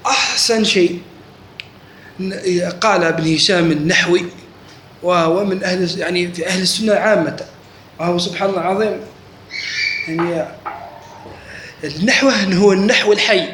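This man's voice sits high and a little bright, moving at normal speed with long pauses between phrases. He is a religious teacher leading a class, often checking that students follow and putting questions to them, recorded in an echoey room with faint noise.

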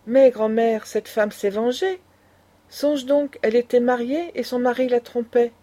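A woman's voice: fairly high pitch, steady tone, a little slow, warm tone, lightly acted. A woman voicing a shocked, naive young girl who pleads earnestly.

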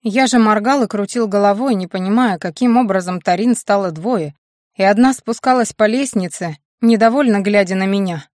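A woman's voice: medium pitch, moderate pace, a little mellow, no room sound. Woman narrating an audiobook, dry sound.

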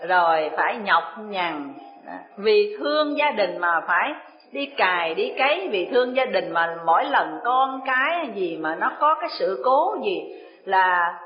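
A woman's voice: medium pitch, very animated, measured pace, soft background music. Woman giving a dharma talk. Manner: chatty storytelling, laughs often. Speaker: Buddhist teacher of nuns. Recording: echoey room, dull lo-fi sound.

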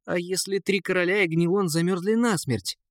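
A man doing an eager young prince, high and bright. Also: normal speed, dry recording, studio quality, natural voice. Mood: worried. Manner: excited, raised voice. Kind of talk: audiobook character voice.

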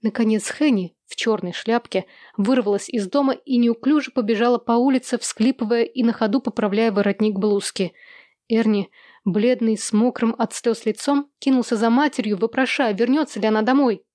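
Woman, audiobook narrator, steady literary narration, slightly high voice, dry close recording. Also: moderate pace, no room sound.

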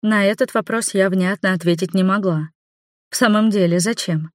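A woman narrating a first-person audiobook in an expressive, emotional way. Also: medium pitch, moderate pace, no room sound, studio quality.

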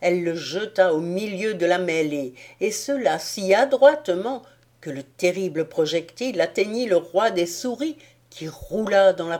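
A woman reading an audiobook tale in a measured storytelling manner. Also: fairly low pitch, darkish tone. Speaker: audiobook reader. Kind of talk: scripted narration.

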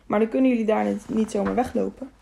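A woman's voice: medium pitch, fairly even intonation, fast, creaky, warm tone, slight background noise. A woman reading the part of a stern, honest older male councillor who speaks firmly and with authority. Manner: firm, commanding.

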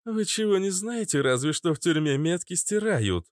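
A man's voice: high voice, expressive, normal speed, no room sound, studio quality, voice pushed up. A man voicing a blunt, commanding woman in an audiobook.

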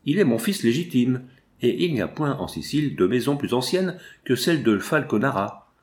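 A man's voice: medium pitch, sing-song, normal speed, darkish tone, natural voice. A man reading as an old pleading monk. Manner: impassioned, pleading. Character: old monk and father pleading for his son. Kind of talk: audiobook character reading.

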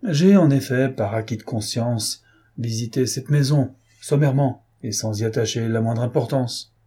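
A man reading the part of a fussy, self-important investigating judge in an audiobook, with a husky voice and insistent, exasperated questions. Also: mid-range voice, moderate pace, warm tone, lightly acted.

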